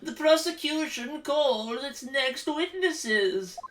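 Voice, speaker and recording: Man acting smug, slow-talking game prosecutor. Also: extremely high pitch, animated, fairly bright tone, distant mic, slight background noise, voice pushed up, full character voice. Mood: smug menace. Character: smug, menacing, saintly-seeming courtroom prosecutor.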